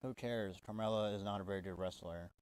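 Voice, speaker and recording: A man's voice: lowish voice, steady tone, fast, a little mellow, clean tone. Profane, exasperated man ranting. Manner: profane, exasperated, stumbling restarts. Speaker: wrestling reviewer. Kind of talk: casual ranting review.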